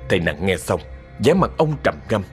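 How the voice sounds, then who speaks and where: Guy narrating a spooky story, lowish voice with lots of swing, faint music behind. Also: normal speed. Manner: dramatic, expressive storytelling. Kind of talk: scripted horror story narration.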